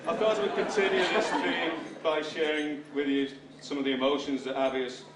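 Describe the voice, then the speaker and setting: Delivering the father of the bride speech, this British man of middle age or older keeps a fairly high pitch, a fairly even intonation and a brisk pace, his humour dry and wry. The mic sits far off, so the space sounds roomy, with audible background noise from the room and laughing guests.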